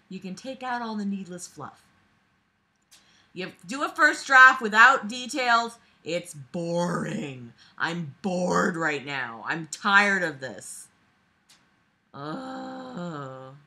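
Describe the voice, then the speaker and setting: A young adult woman lying on a bed in a small bedroom reads a book aloud, adding casual running commentary that is sarcastic, exasperated and full of swearing. Her voice is fairly high, bright and forceful, and it is captured by a device's camera microphone held at arm's length.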